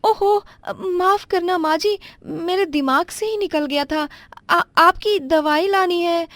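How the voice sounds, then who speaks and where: A woman voicing a scheming young wife who lies and stammers out excuses in a high voice. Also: takes it slowly, a bit bright, no room sound, heavily acted. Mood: pleading. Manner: high, pleading, fibbing with stammers.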